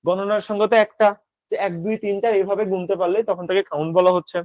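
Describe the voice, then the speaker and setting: A male English tutor with a Bangladeshi accent teaches a grammar lesson, firing quick questions at students and answering them himself. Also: sits high, fairly even intonation, dry recording. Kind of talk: online admission-prep grammar lesson. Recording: slightly dull lo-fi audio.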